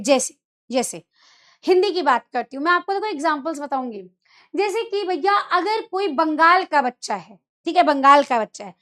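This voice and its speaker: A woman's voice: high voice, a bit bright. A young woman teaching a Hindi lesson to school students in a chatty, teasing way, often scolding them fondly as children. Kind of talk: online exam-prep lecture.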